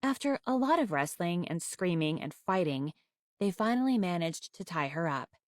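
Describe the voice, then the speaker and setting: A woman reading a children's novel aloud with expressive, wry storytelling. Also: lowish voice, normal speed, no echo, studio quality.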